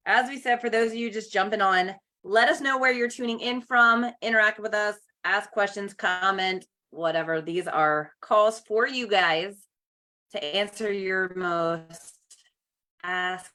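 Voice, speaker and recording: Bright chatty woman coaching host. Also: mid-range voice, measured pace. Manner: chatty, upbeat, greets viewers by name. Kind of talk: casual live coaching chat. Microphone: video call.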